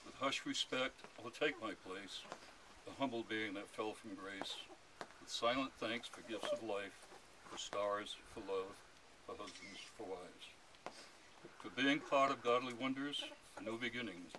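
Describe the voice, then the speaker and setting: A man reciting a rhyming poem at a wedding in a measured, solemn way. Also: on the low side, background noise.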